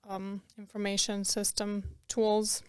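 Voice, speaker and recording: A woman's voice: mid-range voice, monotone, slow, a little mellow, clear, resonant tone, no echo, clean studio sound. A young woman from Croatia, a podcast guest, chatting casually with lots of fillers and laughs. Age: young adult. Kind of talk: casual interview.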